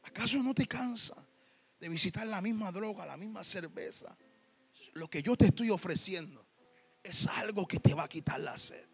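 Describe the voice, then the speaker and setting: A male preacher delivering a sermon, emphatic, swinging from soft to shouting and dropping in English words. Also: high voice, normal speed, husky.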